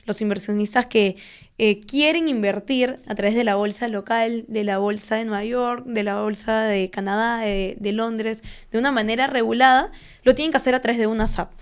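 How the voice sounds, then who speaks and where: Woman in her 20s, smooth clear voice, kinda high, calm explainer w/ lots of ehs and ¿no?s. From Peru. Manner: measured, explanatory, frequent fillers and tag questions. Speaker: guest, stock trader and finance content creator. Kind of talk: conversational interview.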